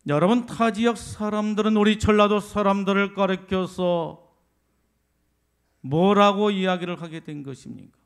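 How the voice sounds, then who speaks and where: Male pastor from Jeolla, sermon delivery, high and ringing, rhetorical questions to the pews. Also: moderate pace, clear, resonant tone. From Jeolla, South Korea. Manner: asks the congregation rhetorical questions; swells louder on emphatic points.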